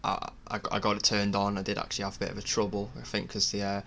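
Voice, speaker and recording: Narrating his own DIY build video, a man speaks casually in a low, very even voice. He sounds hesitant and self-effacing, often halting mid-explanation, and clear noise sits behind him in the recording.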